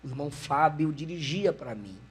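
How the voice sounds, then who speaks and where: A man preaching a live sermon with a Brazilian Portuguese accent, telling stories with animated delivery. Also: fairly high pitch, normal speed. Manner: animated storytelling, acting out voices. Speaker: pastor.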